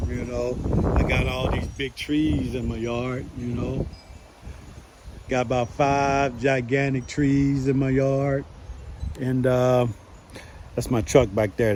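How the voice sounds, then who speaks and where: A man talking casually to camera from his yard, relaxed and folksy, with lots of "you know" fillers. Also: medium pitch, takes it slowly, long pauses, a little hiss or hum. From United States. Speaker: vlogger.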